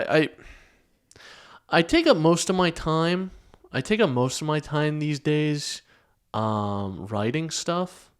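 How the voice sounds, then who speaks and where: A young man co-hosts a podcast, chatting casually, rambling, swearing and restarting his sentences. His voice is smooth and of medium pitch.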